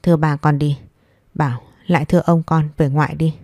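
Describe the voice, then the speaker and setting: A woman's voice: low voice, steady tone, warm tone, dry recording. A woman voicing a young daughter-in-law who answers politely but firmly. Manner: respectful, measured, firm.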